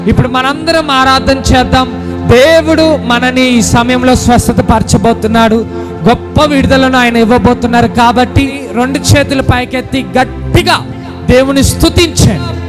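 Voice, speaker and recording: A man leading prayer and worship, calling out and rising to chanted shouts. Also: extremely high pitch, normal speed. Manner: calls out over music, rising to chanted shouts. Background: worship music.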